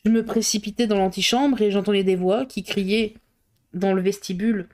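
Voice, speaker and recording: A woman's voice: medium pitch, steady tone, normal speed, a little mellow, natural voice. Breathless rambling gossip cook, as a woman reader puts her on, chatty and colloquial. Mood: gossipy.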